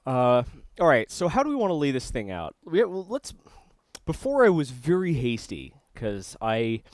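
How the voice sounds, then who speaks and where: A man's voice: medium pitch, no room sound. A young man on a live stream, chatting casually while he works on a circuit board, rambling and restarting his sentences. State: eating while talking. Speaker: streamer building electronics.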